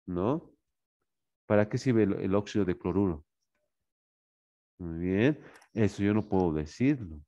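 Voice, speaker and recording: A man's voice: on the low side, mellow. A man with a Bolivian Spanish accent giving a classroom lecture, tagging lines with "¿no?" and "muy bien". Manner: repeats "¿no?" and "muy bien" as tags; addresses students as "señores". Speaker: teacher.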